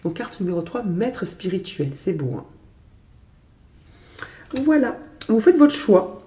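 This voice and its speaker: A woman, stuffy with a cold, reads tarot in a gentle, chatty way, full of small fillers. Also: medium pitch, sing-song, slow pace, echoey room. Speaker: tarot reader. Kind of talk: casual tarot reading to camera.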